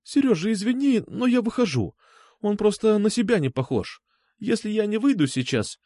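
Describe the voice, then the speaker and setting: A man's voice: high-pitched, very animated, moderate pace, mellow, no echo, clean studio sound, voice pushed up. A man reading an audiobook, voicing a frightened young woman who speaks through tears and pleads. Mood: frightened pleading. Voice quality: tearful, pleading.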